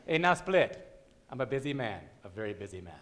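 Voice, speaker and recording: A man's voice: mid-range voice, very animated, brisk, a bit bright, long reverb tail. A man playing a touchy, grandiose mob boss in a stage comedy, theatrical and needling. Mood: dismissive. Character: Italian-American mob boss, touchy, grandiose, menacingly genial. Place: church-style hall stage before an audience.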